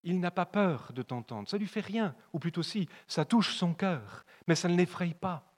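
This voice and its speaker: A man with a Swiss French accent preaching a fervent sermon in church, repeating phrases and swinging from loud appeals to soft, low asides. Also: moderate pace. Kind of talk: evangelistic sermon. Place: church hall. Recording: long hall reverb.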